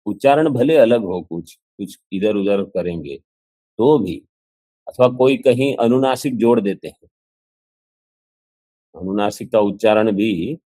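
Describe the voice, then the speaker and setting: A man teaching a scriptural commentary lesson, explaining slowly and posing questions to his students. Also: fairly low pitch, mellow, no room sound. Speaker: Vedanta teacher.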